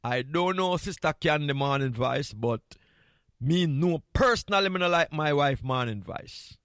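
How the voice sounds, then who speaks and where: Animated and smooth, a Jamaican man hosts morning radio in a casual, measured way, his voice a little high and a touch bright. His playful, candid patter keeps circling back to repeated phrases to drive a point home. Everything is recorded dry, with barely any room on it.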